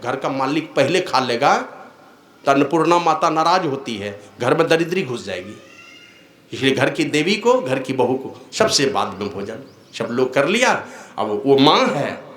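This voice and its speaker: An older man, a spiritual teacher, gives a devotional discourse, swinging between raised exhortation and low, slow asides. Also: fairly bright tone, roomy sound.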